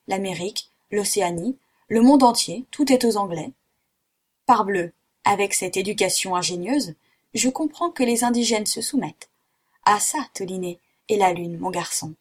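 A woman voicing an excitable middle-aged male French geographer who talks in exclamatory, theatrical outbursts. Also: mid-range voice, moderate pace, husky, close to an everyday voice. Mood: excited.

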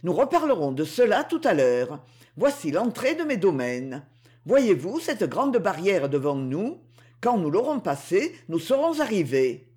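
A woman's voice: on the low side, very animated, measured pace, warm tone. A woman reading an audiobook, voicing a possessive underworld king who coaxes and boasts grandly. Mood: pleased.

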